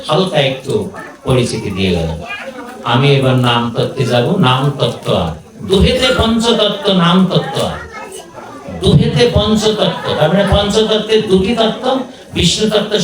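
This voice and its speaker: A man, a religious scholar, giving a devotional discourse, asking rhetorical questions and chanting names in a sing-song way. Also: fairly high pitch. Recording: echoey room, far from the mic.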